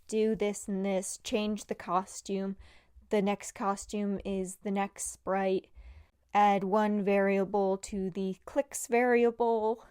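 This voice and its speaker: A woman's voice: medium pitch, warm tone, clear, resonant tone, dry recording, studio quality. A young woman casually narrating a devlog about her first game, rambling and self-deprecating with lots of fillers and a valley girl inflection. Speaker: hobby game developer.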